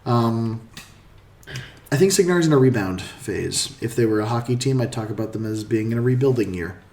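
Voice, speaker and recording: A man co-hosting a casual game discussion, talking in a measured way and thinking aloud with frequent pauses and "um"s. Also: medium pitch, lively intonation, darkish tone, roomy sound. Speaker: podcast guest co-host. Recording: distant mic with faint noise.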